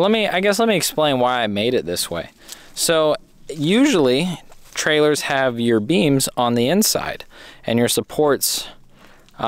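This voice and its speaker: A young man casually walking through his homemade camping trailer outdoors, chatty and relaxed, often correcting himself mid-sentence. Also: medium pitch, clear, resonant tone, dry recording. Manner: relaxed and chatty, with frequent fillers and self-corrections. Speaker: DIY trailer builder giving a walkaround. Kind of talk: casual off-the-cuff walkaround. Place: outdoors at a campsite.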